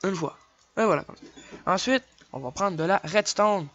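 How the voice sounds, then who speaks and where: A young man with a Québécois French accent, chatting casually through a game tutorial, counting his clicks aloud and apologizing quickly for slips. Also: high voice, a bit bright. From Quebec. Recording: dull lo-fi dry home mic.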